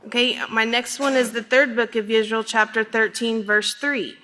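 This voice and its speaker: A woman's voice: on the high side, flat delivery, normal speed, bright, forceful tone, big-room sound, rough recording. A middle-aged woman giving a speech to a congregation at a pulpit microphone, addressing listeners directly and personally. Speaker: religious speaker. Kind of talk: speech to a congregation with read-out quotes.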